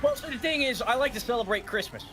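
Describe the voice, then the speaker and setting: A man's voice: very high-pitched, expressive, quick pace, noisy background. A man playing Scout, a brash, cocky young male mercenary who wisecracks and acts mock-offended. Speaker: character guest on charity stream.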